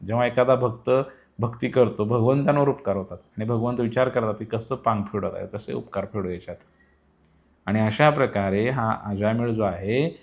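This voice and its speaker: A man giving a devotional sermon in a storytelling style. He explains patiently and rises in pitch and volume for emphasis. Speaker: devotional preacher.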